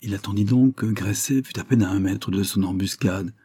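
A man narrating an audiobook in a measured, literary reading style. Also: on the low side, dark tone, husky, dry recording, studio quality. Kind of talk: scripted narration.

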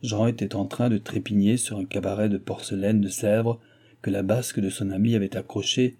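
A man narrating a classic novel as an audiobook, in a steady storytelling cadence. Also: lowish voice, breathy edge.

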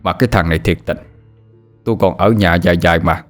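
A man voicing an impatient middle-aged rural landowner with a Southern Vietnamese accent, gruff and grumbling. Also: sits low, quick pace, faint music behind, lightly acted. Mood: placating.

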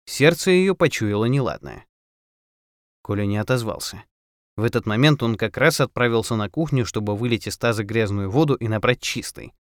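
A man's voice: on the low side, expressive, normal speed, no room sound, clean studio sound. A man reading an audiobook in a theatrical style, putting on voices for the characters. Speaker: audiobook narrator.

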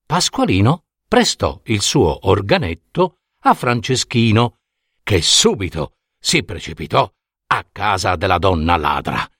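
A man with an Italian accent narrating a fairy tale in an expressive scripted reading. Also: fairly low pitch, husky, no echo, clean studio sound. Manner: expressive, unhurried. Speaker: storyteller.

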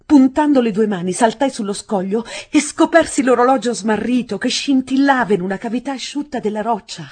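Expressive, husky woman reading a novel. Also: on the high side, fairly quick, few pauses. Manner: dramatic and expressive, with swings between loud and hushed. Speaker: audiobook reader. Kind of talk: literary audiobook narration.

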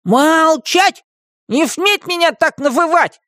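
A man voicing a small, boastful male wolf cub who shouts and sobs with a gravelly voice. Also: very high-pitched, takes it slowly, no echo, studio quality, pitched above the performer's own voice, full character voice. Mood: boastful angry. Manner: shouting, then sobbing.

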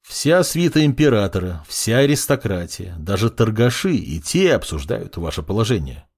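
A man's voice: fairly low pitch, sing-song, normal speed, darkish tone. A man voicing a young male judge who is irritated and condescending, speaking in a brusque, lecturing way in an audiobook.

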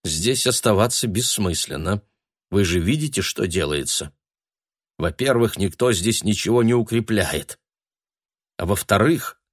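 A man's voice: on the low side, expressive, a little slow, no echo, studio quality. A man voicing a cool, sensible young woman who speaks curtly and coldly, in an audiobook. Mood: steady. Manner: cold, curt.

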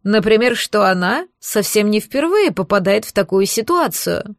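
A woman narrating a fantasy audiobook, voicing the characters by shifting her pitch and pace. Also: big pitch swings, moderate pace, dry recording, clean studio sound.

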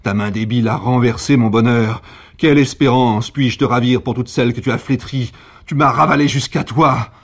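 A man voicing an enraged, betrayed sculptor, husky, swinging from low murmurs to shouted outbursts. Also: expressive, fairly quick, hardly any pauses, heavily acted. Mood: raging. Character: enraged betrayed male sculptor, violent and despairing. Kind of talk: dramatic literary reading.

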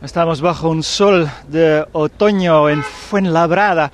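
A field reporter with a slightly high, slightly slow male voice, carrying a faint hiss or hum, works a crowd on a town street outdoors. He chats with people and asks short, direct questions in an on-location news report with street interviews.

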